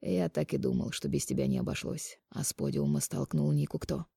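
Quiet, scornful young man voiced by a female narrator, low murmur, dry sound. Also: steady tone, fairly quick, vocal fry, slightly rough, no room sound, full character voice. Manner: low, muted, dismissive. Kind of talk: audiobook character reading.

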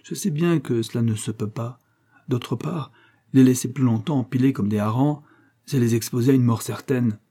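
A man's voice: mid-range voice, moderate pace, mellow, lightly acted. A man reading an audiobook and voicing a fretful, whimpering male butler who pleads and frets. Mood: distressed. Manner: plaintive and pleading.

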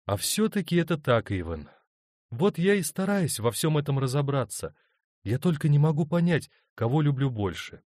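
In a storybook reading, a man voices a tender young wife torn between two loves, his voice pushed up to a fairly high, lifted, softened register. She pleads and hesitates, emotional and unsure, in a sing-song at a moderate pace. The recording is dry, close, and echo-free.

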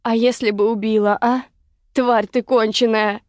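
A woman voicing a furious young woman who accuses her rival with sharp bitterness. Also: on the high side, level tone, measured pace, no echo, clean studio sound, lightly acted. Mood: bitter.

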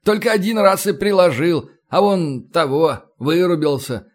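A man voicing a burly navy bosun who talks in a rough, rambling sailor manner, pitched high above his own voice. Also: measured pace, close to an everyday voice. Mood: sheepish. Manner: colloquial, rambling sailor talk.

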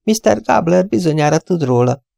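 A man doing a flustered high-voiced young receptionist. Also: animated, creaky, dark tone, dry recording. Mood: vague. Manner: scatterbrained, muddles numbers on the phone. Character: flustered young female estate agency receptionist. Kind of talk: audiobook reading.

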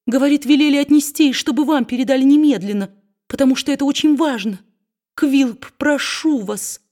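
A woman's voice: high-pitched, fast talker, warm tone, pitched above the performer's own voice, natural voice. A woman reading an audiobook and voicing a timid, meek wife who pleads in a trembling voice. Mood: anxious.

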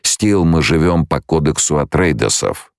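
A calm, commanding blind prophet-leader, as a male reader plays him, speaking slow and measured. The voice stays very low and gravelly, with a dry, close sound. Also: dry recording, exaggerated voice. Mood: resolute.

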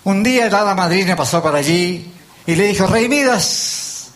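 An older man, a lay preacher with a Chilean Spanish accent, delivers a sermon in a high-pitched, fairly bright voice at a slightly fast pace. He tells folksy stories and acts out the voices of the characters in them.

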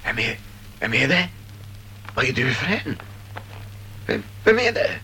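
A man's voice: medium pitch, sing-song, pushed and bright, a little hiss or hum. An actor playing a weary, despairing young soldier in his twenties home from war, in a radio play. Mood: agitated. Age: 20s. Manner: weary, hopeless, pleading.

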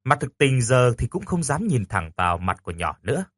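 A man narrating a first-person romance story in a lively way, stammering when his characters speak. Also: mid-range voice, brisk, no room sound, studio quality.

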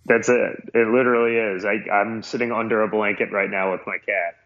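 A man co-hosts a sports podcast, chatting casually about betting with a lowish, steady, brisk voice. He thinks aloud and restarts sentences, recording under a blanket in a small makeshift room in his new house that sounds muffled and cave-like.

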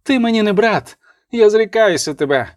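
A man's voice: on the high side, sing-song, normal speed, a little mellow, dry recording, studio quality. A man voicing a fierce, indignant abbess. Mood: defiant. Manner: raised, indignant. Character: defiant elderly abbess, proud and fierce. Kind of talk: audiobook character reading.

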